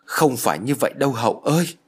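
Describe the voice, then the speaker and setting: A man's voice: medium pitch, big pitch swings, a little fast, breathy edge. A man voicing a remorseful old man stuck in a hospital bed, in a spoken ghost story. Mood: calling out. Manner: pleading, anguished.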